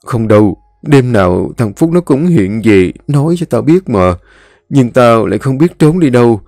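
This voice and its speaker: A man's voice: medium pitch, expressive, moderate pace, darkish tone, dry recording, clean studio sound, close to an everyday voice. A man voicing a terrified young man who pleads to flee a curse. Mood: panicked pleading. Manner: pleading, panicky.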